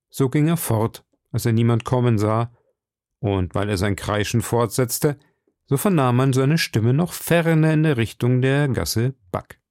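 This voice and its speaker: A man reading a classic novel aloud, with steady, measured storytelling. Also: medium pitch, no room sound, studio quality. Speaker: reader.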